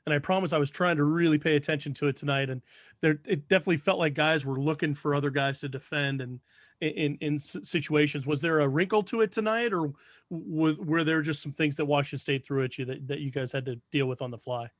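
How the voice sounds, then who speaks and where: A man's voice: fairly high pitch, steady tone, fast, dry recording, clean studio sound. A male sports reporter asking a coach questions at a press conference, hesitant and restarting his sentences.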